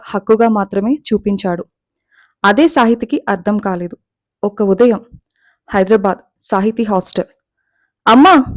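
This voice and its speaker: A woman storyteller reading a scripted love story in a calm, measured way. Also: a little high.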